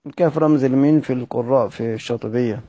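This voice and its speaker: A man's voice: mid-range voice, quick pace, mellow, husky, no echo. A man with an Egyptian accent teaching a lesson on Quranic readings, who asks his listeners questions, repeats them, and then answers them himself. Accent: Egyptian Arabic. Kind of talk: explanatory lesson.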